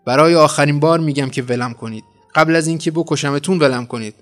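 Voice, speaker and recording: A man's voice: on the high side, soft background music, lightly acted. A man doing a furious defiant mother. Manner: shouting, defiant threats.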